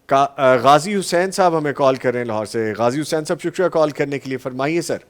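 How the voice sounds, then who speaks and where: Courteous male show host taking calls. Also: medium pitch. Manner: courteous, formulaic customer-service politeness with callers. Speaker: host of a live religious TV transmission. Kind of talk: live talk show hosting, taking phone calls.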